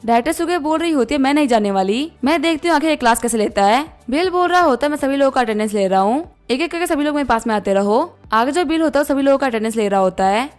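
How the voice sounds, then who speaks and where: A woman's voice: sits high, animated, quick pace, few pauses. A woman narrating a story recap, reading every character's lines in her plain voice. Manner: reads all dialogue in her plain voice. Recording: faint background music.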